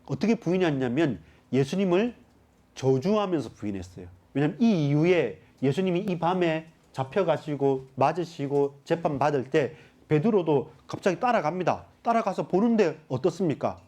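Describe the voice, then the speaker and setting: A man preaching a sermon as pastor, talking straight to his congregation and explaining scripture with lively emphasis. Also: on the high side, normal speed. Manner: animated preaching, addressing the congregation directly.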